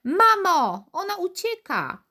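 A woman's voice: very high-pitched, very animated, slow pace, sharp tone, pitched above the performer's own voice, full character voice. A woman voicing a demanding, spoiled little girl in a children's storybook reading. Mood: shrieking. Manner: insistent, whiny.

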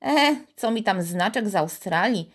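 A woman voicing a proud, boastful little girl with magic powers, lively and teasing. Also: medium pitch, unhurried, slightly rough.

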